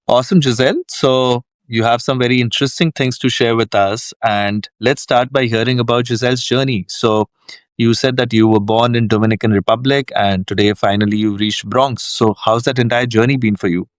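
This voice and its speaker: Formal, measured male podcast host. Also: mid-range voice, fairly even intonation, no echo, studio quality. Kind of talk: scripted introduction and interview questions.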